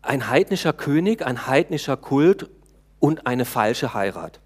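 A man giving a sermon in a conversational way, often pausing with hesitations and speaking directly to his congregation. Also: mid-range voice, big pitch swings, slightly rough. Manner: conversational preaching, talks to the congregation, frequent hesitations. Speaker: preacher.

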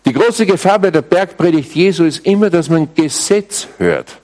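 A man preaching a sermon to a live congregation, emphatic and deliberate, with wry asides to his listeners. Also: on the high side, lively intonation, darkish tone. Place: church service before a live congregation.

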